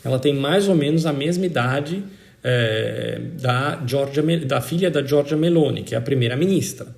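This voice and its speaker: The recording is roomy and echoing as a Brazilian-accented citizenship expert is interviewed. He talks at normal speed, his medium-pitched, darkish voice showing vocal fry, and explains the law emphatically and didactically, stressing key points through repetition.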